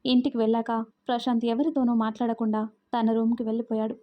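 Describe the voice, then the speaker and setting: A woman storyteller with a somewhat high voice, reading a scripted story in a steady, expressive way. The sound is muffled and lo-fi, without crisp highs. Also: fast. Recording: muffled lo-fi audio.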